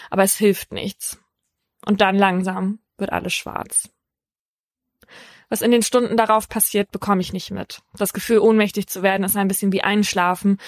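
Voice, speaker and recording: A woman hosting a true crime podcast, telling a case in a measured, scripted first-person narration. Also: mid-range voice, no echo, studio quality.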